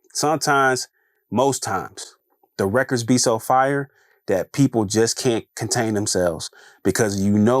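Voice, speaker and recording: A man's voice: mid-range voice, no echo. A man talks through his views in a loose, chatty podcast monologue. He circles back on phrases and keeps checking in with the listener. The sound is dry and close, with no room around it. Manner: conversational, repeats phrases, frequent "you know what I'm saying". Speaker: podcast host. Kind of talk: casual solo commentary.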